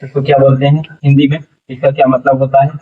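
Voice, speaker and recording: Guy teaching phonics in class, spells out every sound slow, kinda far off and muffled. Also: mid-range voice, monotone, husky. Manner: slow, spells out syllables, repeats questions to students. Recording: dull lo-fi sound from a distant mic.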